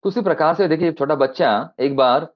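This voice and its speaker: Man, devotional storyteller, swings high then soft and low, muffled lo-fi call audio. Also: a little fast. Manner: acts out a child and father in dialogue, rising high and dropping soft; mixes in English phrases. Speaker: devotional speaker. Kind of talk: storytelling sermon. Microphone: video call. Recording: dull lo-fi video call audio.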